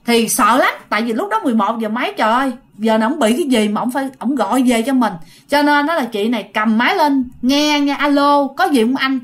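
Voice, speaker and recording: A woman's voice: on the high side, animated, quick pace, few pauses. A woman telling ghost stories casually, talking straight to her listeners. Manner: chatty, addresses listeners directly. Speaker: storyteller.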